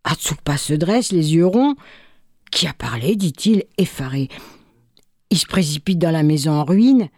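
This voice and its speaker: Warm-voiced woman reading a folk tale. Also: low voice, no echo, clean studio sound. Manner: expressive, measured telling. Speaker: storyteller.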